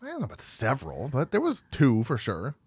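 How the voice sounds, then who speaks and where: A man's voice: medium pitch, huge pitch swings, fairly quick, darkish tone, breathy edge, no echo, studio quality. A man co-hosting a podcast, casually reading through film credits, rambling and laughing at himself as he stumbles over names. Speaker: podcast co-host.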